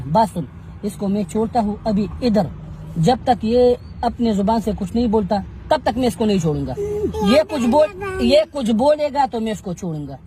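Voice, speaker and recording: Man, street confrontation, pleading then stern, soft traffic noise behind. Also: very high-pitched. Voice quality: swings between pleading and scolding. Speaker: street questioner confronting a beggar.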